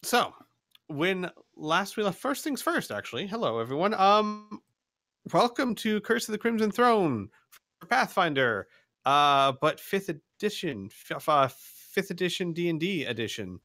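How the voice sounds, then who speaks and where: Acting as game master and channel host, a young man runs a tabletop session with rambling, self-mocking casual chat, constantly restarting and laughing. His voice is high-pitched, sing-song, bright and forceful, at a measured pace, in a dry studio-quality recording.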